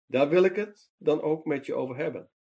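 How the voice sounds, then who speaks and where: A man's voice: on the high side, brisk, creaky, warm tone, slightly rough, voice pushed up. A man voicing a kind, teasing teacher figure in a storybook reading, with a playful way of calling out. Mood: gentle.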